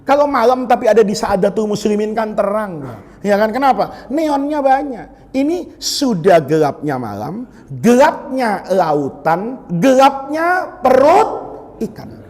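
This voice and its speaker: A man's voice: high-pitched, very animated, a little slow, a little mellow. A man preaching a humorous sermon, telling stories and joking with his listeners. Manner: joking, storytelling, addressing listeners as "Pak". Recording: reverberant hall.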